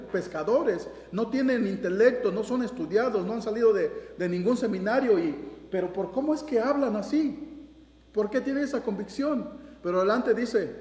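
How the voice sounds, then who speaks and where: Male pastor, high voice, preaching with frequent restarts; church room with a long reverb tail. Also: a little mellow. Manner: preaching with repeated restarts and quoted scripture. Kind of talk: sermon. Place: church sanctuary.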